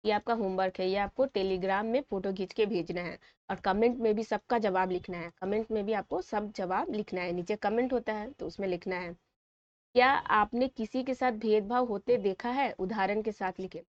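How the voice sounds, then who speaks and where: A woman's voice: medium pitch, moderate pace, no room sound, highs cut off. A woman teacher with a Bihari Hindi accent explaining a school lesson, repeating points and checking in with her students. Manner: repetitive, coaxing, checks with "ठीक है".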